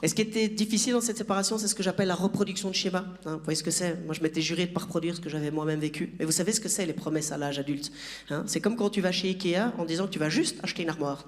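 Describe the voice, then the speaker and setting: Self-mocking stand-up comic. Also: male voice, high voice, racing. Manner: self-mocking, chatty, teases the audience. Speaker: stand-up comedian. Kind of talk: stand-up comedy set. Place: theatre stage.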